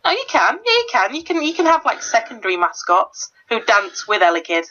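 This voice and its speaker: A woman's voice: on the high side, wildly swooping pitch, fairly quick, bright, forceful tone. A woman chatting playfully as a guest on a game playthrough. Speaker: co-commentator guest. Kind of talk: casual gameplay chat. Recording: dull lo-fi recording.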